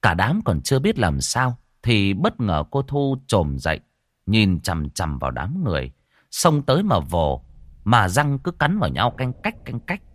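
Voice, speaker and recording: A man narrating a spooky audio story in an expressive way, swinging between hushed and raised tones. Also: fairly low pitch, unhurried, dry recording, studio quality.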